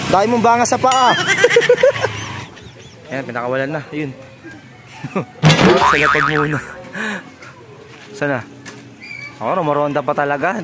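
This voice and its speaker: A man vlogging about his racing pigeons outdoors, talking excitedly in a running commentary, sweaty and out of breath. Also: on the high side. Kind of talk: casual vlog commentary. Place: outdoors at a backyard pigeon loft. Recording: noisy outdoor recording.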